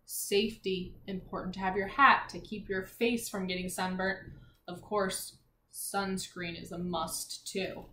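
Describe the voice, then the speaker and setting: In an echoey room with a little background noise, a woman teacher expressively reads a picture book to children, pausing for encouraging comments and questions. She speaks unhurriedly at medium pitch with fairly even intonation, her tone pushed and bright.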